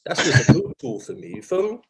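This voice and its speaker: A man's voice: on the high side, wildly swooping pitch, quick pace, a crowd in the background. A man appearing as a guest on a talk show, speaking in a confident, boastful press-conference manner.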